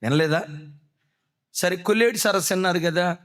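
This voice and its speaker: A man's voice: moderate pace, a bit bright. A man preaching a sermon as pastor, dramatic in delivery, asking the congregation rhetorical questions and acting out prayers. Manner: dramatic preaching, voicing prayers with sudden drops and rises in pitch.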